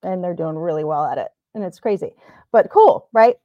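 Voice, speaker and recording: A woman's voice: fairly low pitch, moderate pace. A woman co-hosting a chatty podcast, laughing easily and rambling through her thoughts. Her voice comes through a dull, lo-fi recording in a dry space with no room echo. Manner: laughs often, rambling and animated. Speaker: podcast co-host. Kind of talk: casual chat.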